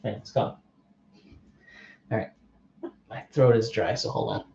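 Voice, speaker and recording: Reading card text aloud and asking his viewers what they think, this streamer gives casual commentary as he plays a board game, thinking out loud. He has a lowish, slightly mellow voice at a moderate pace, and the muffled, echoey recording carries a little hiss or hum.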